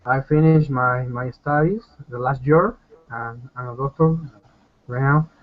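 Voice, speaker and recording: A young man from Bolivia introduces himself over a thin, phone-like connection. He speaks with a mid-pitched voice, carefully and with pauses. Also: fairly even intonation. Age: young adult. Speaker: young doctor, guest. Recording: tinny phone-like call audio.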